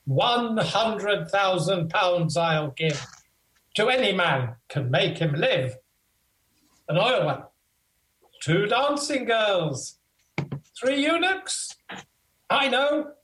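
Male actor as blustering, grieving old monarch for comic mummers' play; theatrical, unhurried delivery, roomy sound. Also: high-pitched, sing-song, a bit bright, a little hiss or hum, full character voice. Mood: desperate, bargaining. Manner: theatrical, declamatory. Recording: echoey room.

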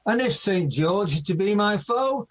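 A man's voice: high-pitched, lively intonation, measured pace. A man playing a boastful, menacing Turkish knight, the comic villain of a declaimed folk play. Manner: swaggering, declamatory.

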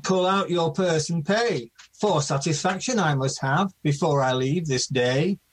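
A man's voice: on the high side, a little slow, a little hiss or hum, lightly acted. A man playing a boastful, menacing Turkish knight, the comic villain of a declaimed folk play. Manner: swaggering, declamatory.

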